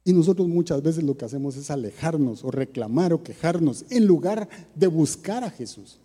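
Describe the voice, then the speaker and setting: A man preaching in a relaxed, conversational way, with a somewhat raised pitch. His tone is very mellow and husky, and it rings with a long hall reverb. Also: normal speed. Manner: asks the audience rhetorical questions. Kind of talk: conversational sermon talk.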